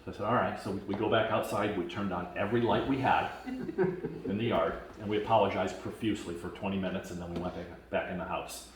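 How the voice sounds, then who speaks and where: A man from Washington state gives a camp testimonial as casual, halting storytelling with many fillers, growing lively as he retells events. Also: deep voice. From Washington state, USA. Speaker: camp attendee giving a testimonial. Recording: very echoey, distant mic, faint noise.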